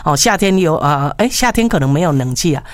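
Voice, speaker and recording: A woman's voice: low voice, lively intonation, fairly quick, no echo. A woman with a Taiwanese accent co-hosting a casual radio chat, speaking colloquially and emphatically with repeated phrases and frequent tag particles. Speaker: radio co-host. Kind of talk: casual call-in radio chat mixing Mandarin and Taiwanese Hokkien.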